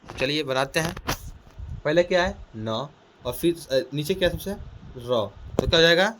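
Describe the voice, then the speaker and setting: A man teaching a children's lesson in a small room, speaking loudly and energetically, repeating questions to the class and sounding out letters. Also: on the high side, expressive, normal speed, background noise.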